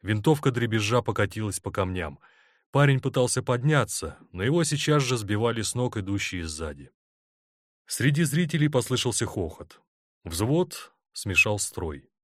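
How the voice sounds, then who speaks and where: Low-voiced male audiobook narrator. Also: moderate pace, no echo, clean studio sound. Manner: expressive, dramatic reading. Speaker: audiobook reader. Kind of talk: scripted narration.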